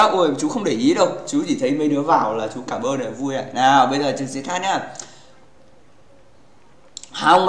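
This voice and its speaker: A man hosting a gaming livestream in casual chat, playful and teasing with his viewers, rambling and restarting his sentences. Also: mid-range voice. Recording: echoey room.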